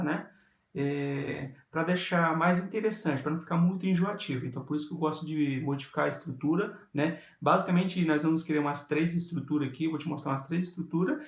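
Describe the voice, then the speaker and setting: A man's voice: on the high side, a little fast, creaky. A man with a Brazilian Portuguese accent teaching keyboard in a casual live lesson, explaining as he plays and often checking in with the listener. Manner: explains while playing, many tag questions. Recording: roomy sound with loud keyboard music. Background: keyboard playing.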